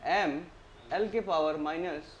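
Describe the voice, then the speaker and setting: This male tutor. He gives an exam-prep lecture in a steady classroom style. He keeps asking the class questions, answers them himself, and repeats each key term. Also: a little high, slow pace, highs cut off, slight background noise. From India.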